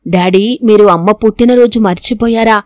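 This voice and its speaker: Narrated storybook scene with a woman putting on a grieving little girl, high and plaintive. The voice is bright and lifted. The close recording is dry, with no room sound. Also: normal speed, dry recording, natural voice. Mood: tearful. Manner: plaintive, pleading. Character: young girl grieving her late mother.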